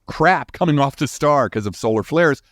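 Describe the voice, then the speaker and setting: Speaking at a moderate pace in a slightly high, expressive voice with a fairly bright tone, this man is a guest expert in an interview, an astrophysicist and author. He explains in a casual, emphatic, informal way, frequently adding "right?", and the recording is clean studio audio without room sound.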